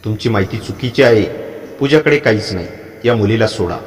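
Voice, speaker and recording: A man voicing a calm, protective older father-in-law who speaks softly and steadily, with a long hall reverb on the voice. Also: on the low side, brisk, close to an everyday voice. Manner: calm, steady, soft-spoken.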